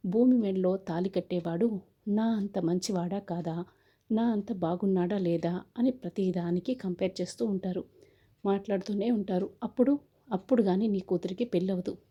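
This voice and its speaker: A woman's voice: medium pitch, normal speed, warm tone, breathy edge, lo-fi sound, close to an everyday voice. A woman reading the lines of a proud, defiant young man who calls off his wedding, in a scornful, lecturing way.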